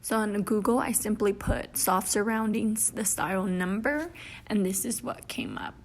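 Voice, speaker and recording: A young woman with a Spanish accent walks through her eBay reselling steps in a casual how-to vlog from a living room with a couch. She chats along, often adding "you know" and checking in with "okay?" Her medium-pitched voice moves at a moderate pace over a little hiss or hum.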